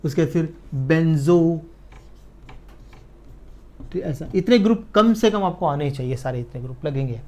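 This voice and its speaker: A man's voice: on the high side, expressive, warm tone. Coaxing male chemistry teacher drilling students. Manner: coaxing, repeats "ठीक है ना" to check understanding; slows down and drops his voice while writing terms on the board. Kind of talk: online exam-prep lesson.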